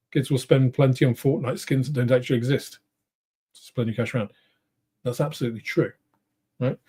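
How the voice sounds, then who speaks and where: A middle-aged man with a British accent, hosting a casual livestream, answering viewers in a rambling, thoughtful way with many pauses and restarts. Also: medium pitch, darkish tone, slightly rough. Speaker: host of a model-making livestream. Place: home studio room.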